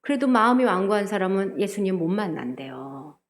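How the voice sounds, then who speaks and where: A young woman giving an animated children's sermon, sing-song and exaggerated, asking the children questions and acting out voices. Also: medium pitch, fairly quick. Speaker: children's ministry preacher.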